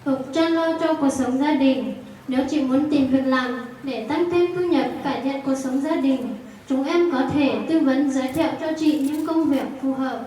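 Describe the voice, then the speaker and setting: A woman acting out a polite community worker who offers advice and encouragement. Her voice is high. It is recorded far from the mic in a very echoey room. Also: normal speed, mellow, slight background noise, close to an everyday voice. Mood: encouraging. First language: Hmong. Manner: polite, advising. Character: earnest female community media worker. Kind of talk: amateur skit acting.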